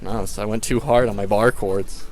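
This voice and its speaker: A man's voice: lowish voice, steady tone, moderate pace, a little hiss or hum. A man co-hosting a podcast, chatting casually with dry, joking asides while walking around a zoo. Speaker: podcast co-host. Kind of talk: casual chat. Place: outdoors at a crowded zoo. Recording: crowd chatter behind.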